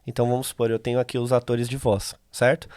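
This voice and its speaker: A man's voice: mid-range voice, little pitch movement, fast talker, a little mellow, clear, resonant tone, no room sound, clean studio sound. A Brazilian man speaking as a podcast guest, explaining things in a conversational way with practical examples. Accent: Brazilian Portuguese. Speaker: podcast guest, voice company CEO. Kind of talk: conversational interview.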